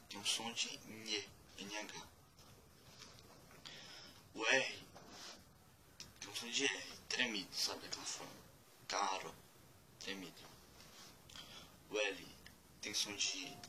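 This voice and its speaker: A man giving a casual spoken lesson, spelling out letters one by one and repeating words slowly. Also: on the low side, noisy background. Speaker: language teacher.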